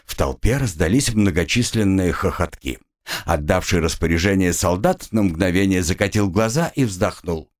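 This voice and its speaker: Male audiobook narrator, lively pitch, dramatic delivery. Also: normal speed. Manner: dramatic, expressive reading. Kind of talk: scripted narration.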